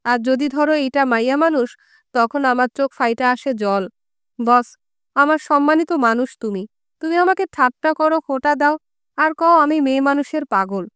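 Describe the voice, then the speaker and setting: Woman voicing an old Greek man, coarse, cursing, bitter, audiobook, high voice, dry close sound. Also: moderate pace, a bit bright, no room sound. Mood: brooding. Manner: crude colloquial talk with curses. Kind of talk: audiobook character reading.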